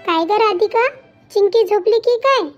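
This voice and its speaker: A gentle old cartoon mother, voiced by a woman, pitched very high and full of soothing reassurance. The sound is dull and lo-fi, with faint music underneath. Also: a little slow. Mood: coaxing. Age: older. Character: aging widowed mother, gentle and comforting. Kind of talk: Marathi cartoon voice acting.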